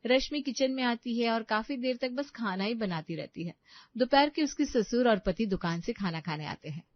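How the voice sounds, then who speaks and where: A woman's voice: a little high, lively intonation, moderate pace, no echo. Woman narrating a cartoon story. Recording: dull dry lo-fi audio.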